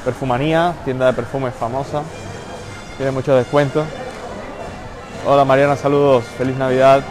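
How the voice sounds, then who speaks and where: Over music, a man with a mid-range voice speaks flatly at normal speed as he livestreams a walk through a busy mall on a handheld phone, greeting viewers by name. Loud crowd and mall ambience fill the stream.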